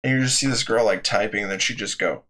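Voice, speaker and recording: A man's voice: lowish voice, quick pace, a bit bright. Giggly, rambling podcast guy. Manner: laughs often, rambling, curious questions. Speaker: podcast co-host. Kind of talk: casual podcast chat.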